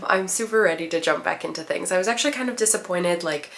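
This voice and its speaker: A woman's voice: fairly low pitch, fast, slight background noise. A young woman vlogging casually, chatty and upbeat, her voice a bit nasal from a cold. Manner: upbeat, chatty, many "like" fillers. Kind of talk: casual vlog talk to camera.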